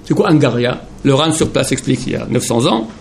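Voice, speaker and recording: A man giving a Torah lecture to an audience of men, emphatic and rhetorical, swinging between hushed explanation and impassioned questions. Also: mid-range voice, lively intonation, fast, slight background noise. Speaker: rabbi teaching Torah.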